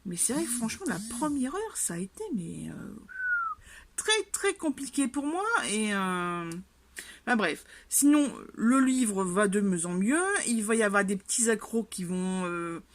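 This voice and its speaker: A woman's voice: mid-range voice, measured pace, a little hiss or hum. A woman chatting casually in a vlog, rambling with many fillers and restarts and sounding exasperated. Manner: exasperated and animated about the subject. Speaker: vlogger. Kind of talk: casual chat.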